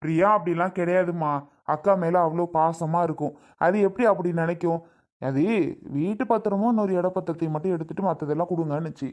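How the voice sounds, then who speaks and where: A woman's voice: fairly low pitch, fast talker, a little mellow, lightly acted. A woman playing an exasperated young husband. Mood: placating. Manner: placating, irritated. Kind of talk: family skit acting.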